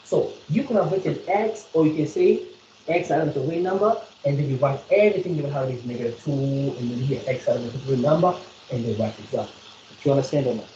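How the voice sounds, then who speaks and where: A woman's voice: extremely low pitch, fast, mellow, roomy sound, highs cut off, slight background noise. A South African woman tutoring a student in maths one on one, repeating points and quizzing the student as she explains. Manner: repetitive, coaxing, quizzes the student.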